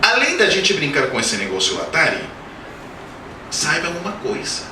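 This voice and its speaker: Huge pitch swings mark this man's fairly high voice at normal speed. In his forties and a native Spanish speaker, he guests at a spiritist center, delivering a humorous Portuguese lecture with a Spanish-speaking accent, full of anecdotes and audience questions; the roomy hall, distant mic and background noise are all audible.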